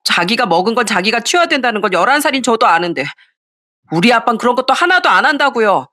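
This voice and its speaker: A woman's voice: a little high, big pitch swings, quick pace, sharp tone, pitched above the performer's own voice, exaggerated voice. A woman voicing a blunt eleven-year-old boy. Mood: earnest. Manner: earnest, blunt. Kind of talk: audio story reading.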